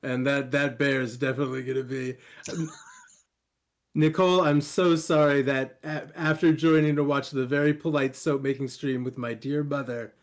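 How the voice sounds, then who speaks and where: A man's voice: medium pitch, steady tone, moderate pace. A man co-hosting a casual podcast stream, joking and teasing in a playful way. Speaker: podcast co-host.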